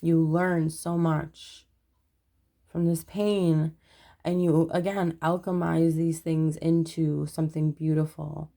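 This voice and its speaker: A woman with a fairly low voice gives a relaxed tarot reading to camera. She meanders from thought to thought and leans on "you know" and "um" as she goes. She stays earnest and reassuring as she speaks directly to the viewer. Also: takes it slowly, vocal fry. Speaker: tarot reader. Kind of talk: casual spoken tarot reading.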